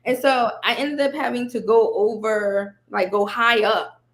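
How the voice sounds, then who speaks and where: A woman guest on a podcast, telling her story in casual conversation, animated and laughing often as she quotes herself and others. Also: on the high side, unhurried.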